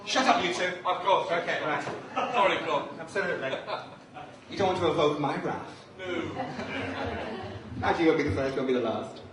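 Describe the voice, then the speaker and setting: A man from Liverpool, England, a drag performance poet, banters campily and flamboyantly with a live crowd and recites his poem. His voice is a little high and brisk, with long pauses, and the noisy, echoey room is recorded from far off.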